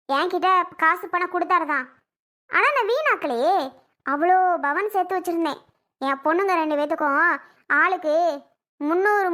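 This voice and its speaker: A woman's voice: very high voice, a bit bright. A woman playing a pleading, self-blaming mother in an amateur family drama skit. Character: pleading mother, wife of a failed son.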